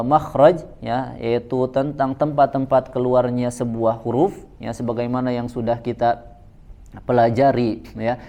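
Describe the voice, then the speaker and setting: Man, Quran recitation teacher, measured delivery, repeats "ya" between phrases, middle pitch, dull lo-fi sound. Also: clear, resonant tone. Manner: measured, fills nearly every phrase with a soft "ya". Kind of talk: religious lesson to a congregation.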